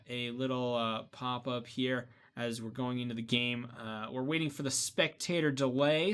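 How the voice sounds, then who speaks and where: A man's voice: medium pitch, fairly bright tone, smooth. A young man casting a college esports match in casual, rambling commentary, sleepy and yawning, with lots of fillers and restarts. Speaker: esports caster.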